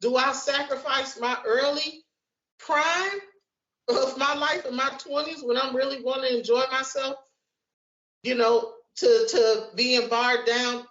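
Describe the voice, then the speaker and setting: A woman's voice: sits high, steady tone, a little slow, a bit bright. Frank woman in her forties, echoey lo-fi. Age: 40s. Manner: frank and conversational, repeats words as she thinks. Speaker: podcast co-host. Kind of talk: casual podcast discussion. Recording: lo-fi echoey room audio.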